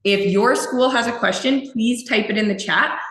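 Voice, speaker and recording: A woman's voice: on the high side, normal speed, fairly bright tone. A woman hosting a live panel, talking chattily with fillers as she hands over to the speakers. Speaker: host. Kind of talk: event hosting. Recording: roomy echo.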